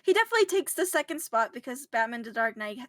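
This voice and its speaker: High-voiced woman chatting about a movie. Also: big pitch swings, quick pace, a bit bright. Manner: chatty, laughs often, trails off mid-sentence. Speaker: co-host. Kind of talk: casual movie review chat.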